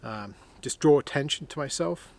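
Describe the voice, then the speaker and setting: This outdoor vlogger has a higher, creaky voice at a normal speed. Relaxed and chatty, he films from a heated canvas tent during winter camping, showing off his new gear and musing aloud with plenty of fillers.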